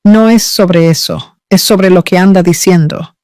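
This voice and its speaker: A woman's voice: on the low side, measured pace, darkish tone, no room sound, studio quality. A woman reading a worried mother. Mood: concerned. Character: worried middle-aged mother, gentle and serious.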